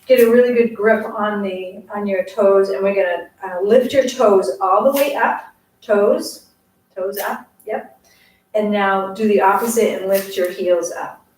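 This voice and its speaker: A woman's voice: mid-range voice, measured pace, a little mellow. A woman with a Maine accent leading a casual exercise class in an easygoing, chatty, encouraging way. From Maine, USA. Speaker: morning workout instructor. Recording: very echoey, distant mic, faint noise.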